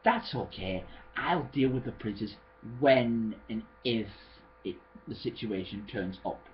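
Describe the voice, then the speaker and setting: A man's voice: fairly low pitch, slow pace, dull audio, a little hiss or hum. Man doing a stern vampire mentor.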